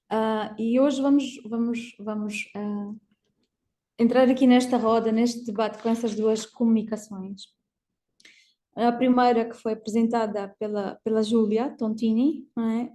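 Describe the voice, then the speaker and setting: A woman from Portugal with a European Portuguese accent, moderating an academic online panel and often pausing with "ah" and "não é?". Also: a little high, mellow. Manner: hesitant, fills pauses with "ah" and tags "não é?". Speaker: session debater and moderator. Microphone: video call.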